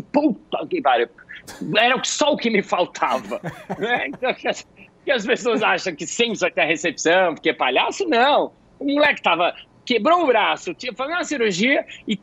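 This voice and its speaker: A man's voice: high-pitched, slightly rough, dry recording. A man who works as a hospital clown, telling stories in casual conversation and acting out the voices of the people in them. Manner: animated, acts out quotes with shifting voices. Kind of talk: conversational storytelling. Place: at home. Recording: dull lo-fi dry sound.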